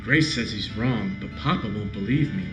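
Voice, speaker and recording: A man's voice: fairly low pitch, moderate pace, reverberant, over music, lightly acted. A man reading a game diary as a frightened young frontier girl, with plain, folksy, childlike phrasing. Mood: earnest, innocent. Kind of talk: game diary read aloud.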